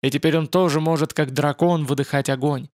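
A man narrating a fantasy novel as an audiobook in an even storytelling manner. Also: a little high, fairly quick, dry recording, studio quality.

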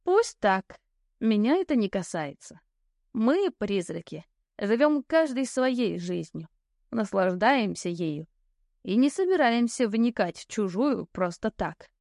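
A woman reading an audiobook, voicing a sly, languid old woman ghost who tells fortunes and smokes cigars, with a slow, mocking drawl. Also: mid-range voice, big pitch swings, vocal fry, a little mellow, no echo, clean studio sound, exaggerated voice. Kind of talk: audiobook character voice.

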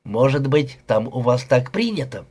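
A furious, jealous young husband in an audiobook, sneering and explosive, as a male reader puts him on. The voice is husky and rough, with an even middle pitch. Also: moderate pace.

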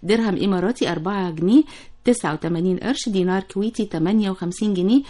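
An Egyptian woman hosts a morning radio show and reads announcements and figures in a brisk, businesslike way. She rattles along at a very quick pace in a mid-range voice. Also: mid-range voice, mellow. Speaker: radio presenter.

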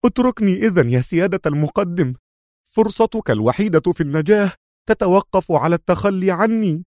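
A man performs a young male intelligence officer in a spy audiobook, his voice pitched high above the narrator's, frantic and stubborn, bursting out in pleas and protests. The recording is dry and close. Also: a little fast, no room sound. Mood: agitated, pleading. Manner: excited, pleading outbursts.

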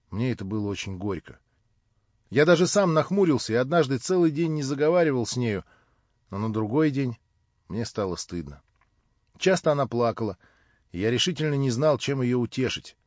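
A male audiobook narrator who reads with emotion, his pitch swinging widely across each phrase. The sound is close and dry, and the recording is dull and lo-fi. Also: a little mellow, dry recording.

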